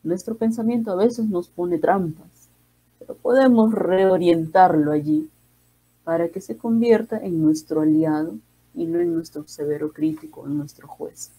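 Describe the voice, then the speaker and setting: A woman psychiatrist with a Peruvian accent giving a calm, reflective talk, speaking gently and slowly with pauses. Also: fairly low pitch, husky, low-quality recording. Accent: Peruvian Spanish. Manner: gentle, slow, measured with pauses.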